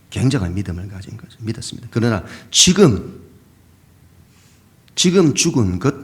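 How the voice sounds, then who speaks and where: Korean pastor preaching with lively pitch. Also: male voice, gravelly. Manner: dramatic, acts out mocking voices. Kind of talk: sermon. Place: church sanctuary.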